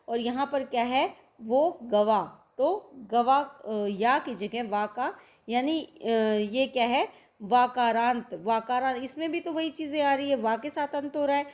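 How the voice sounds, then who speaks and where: A woman with a high voice gives a literature lesson. She talks steadily and explains patiently, repeating example words slowly and putting questions to herself before she answers them. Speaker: teacher. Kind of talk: Hindi literature lecture.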